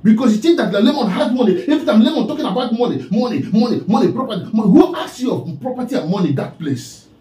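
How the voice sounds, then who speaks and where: A man with a Nigerian accent lectures and scolds in a strikingly high voice that swoops up and down. His tone is mellow rather than bright. It sounds like a roomy, echoey space. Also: expressive, quick pace, hardly any pauses. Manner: preachy and scolding, repeats the name he addresses. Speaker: online commentator. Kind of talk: scolding commentary monologue.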